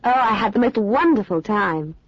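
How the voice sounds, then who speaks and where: A woman with a medium-pitched, slightly rough voice plays an adult recalling her first flights, telling it in an effusive, storytelling way at a moderate, animated pace. She sounds delighted in this scripted listening-exercise monologue, captured in a dry, muffled studio recording.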